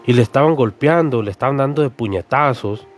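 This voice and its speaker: Storytelling male preacher over soft music. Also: mid-range voice, brisk. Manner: storytelling, addresses listeners as brothers. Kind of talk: sermon.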